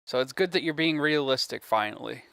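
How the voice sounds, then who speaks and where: A male stream host making sarcastic, deadpan comments on a clip. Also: mid-range voice, a little fast, gravelly. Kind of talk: mocking commentary.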